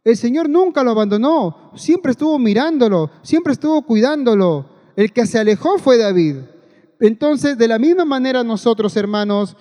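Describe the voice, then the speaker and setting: A man's voice: very high voice, lively intonation, moderate pace, dark tone. A man preaching a sermon in an earnest way, repeating his phrases and often turning to address the congregation directly. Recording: long hall reverb.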